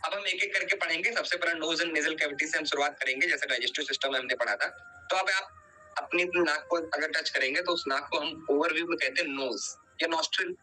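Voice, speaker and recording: Bright-voiced man teaching biology online. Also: on the high side, a little fast, soft background music, poor audio. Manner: explains step by step, often checks with "ठीक है"; quizzes students and urges revision.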